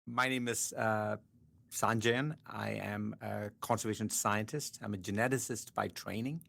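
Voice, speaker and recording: Fifties male scientist, from Sri Lanka, low gravelly voice, reflective and measured. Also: steady tone. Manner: measured, thoughtful, often quiet. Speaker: conservation scientist guest. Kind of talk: reflective interview answers.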